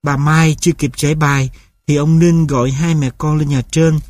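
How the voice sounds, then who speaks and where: A man reading a novel aloud as narrator, in a steady, measured way. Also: fairly high pitch, no room sound, studio quality.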